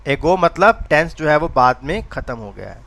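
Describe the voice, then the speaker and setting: A man's voice: on the high side, big pitch swings, normal speed, vocal fry, fairly bright tone. A man teaching grammar to exam students in a classroom lecture, asking questions and answering them himself while repeating the key points.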